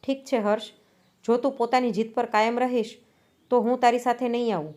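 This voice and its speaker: A headstrong young wife snaps her words out sharply, proud and quick to anger, as a woman narrator takes her part. The voice sits somewhat high. It is a storybook reading. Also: dark tone, close to an everyday voice. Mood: defiant.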